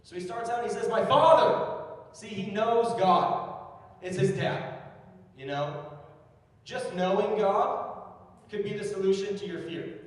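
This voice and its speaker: A young man giving a casual, slangy youth sermon, building to loud emphatic peaks. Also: sits high, unhurried, long pauses. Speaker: youth speaker. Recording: distant mic in a very echoey hall.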